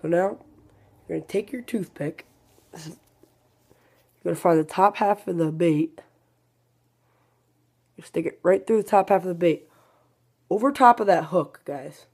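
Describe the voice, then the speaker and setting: The man showing a tackle trick in his fishing video has a high voice with a breathy edge. He explains each step casually, wandering a bit and restarting his sentences often as he corrects himself.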